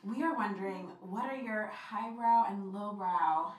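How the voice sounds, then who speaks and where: A woman's voice: medium pitch, a little slow. A woman interviewer asking questions in a polite, hesitant way. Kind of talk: hosting an interview. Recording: echoey room.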